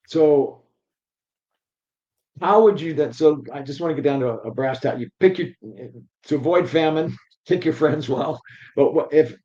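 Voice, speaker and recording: A man hosting an interview, asking questions in a halting way and rephrasing as he goes. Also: on the high side, mellow. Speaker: interviewer host. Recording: dull lo-fi sound.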